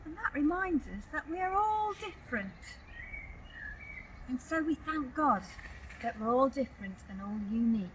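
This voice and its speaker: Woman children's leader, gentle encouraging prayer, recorded outdoors from a distance with background noise. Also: sits high, expressive. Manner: slow, clear and encouraging. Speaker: children's holiday club leader. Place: outdoors in a garden by a tent.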